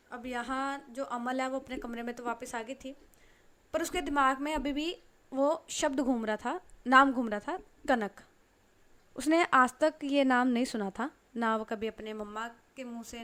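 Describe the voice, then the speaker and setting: A woman's voice: a little high, a bit bright. Chatty woman telling a love story. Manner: chatty, retells the story in her own words. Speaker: audiobook narrator. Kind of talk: casual storytelling narration.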